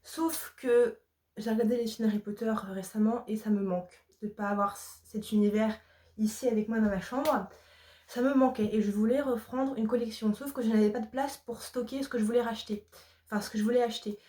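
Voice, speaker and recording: A woman's voice: on the high side, steady tone, fairly quick, warm tone. A young woman chatting casually in a vlog, rambling and poking fun at herself. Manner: chatty, rambling, self-mocking. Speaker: vlogger. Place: bedroom. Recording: echoey room.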